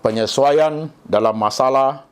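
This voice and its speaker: A man's voice: mid-range voice, measured pace, smooth. A middle-aged man from Indonesia preaching a sermon, often addressing his listeners directly and mixing in English phrases. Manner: mixes English phrases into speech. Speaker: pastor.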